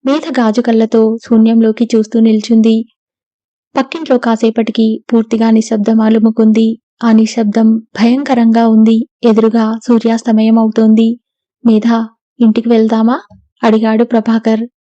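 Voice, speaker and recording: A woman reads a novel aloud in an even, steady storytelling voice. Her tone is mellow and a touch high, with a flat melody. The recording is dry and somewhat lo-fi. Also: moderate pace, no echo. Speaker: audiobook narrator. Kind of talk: scripted novel narration.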